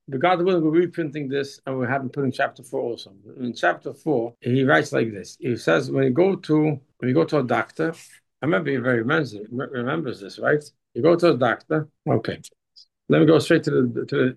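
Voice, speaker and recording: A man teaching a religious text class. He often repeats and restarts his words, and he reads passages slowly before translating them. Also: medium pitch, vocal fry, breathy edge, rough recording.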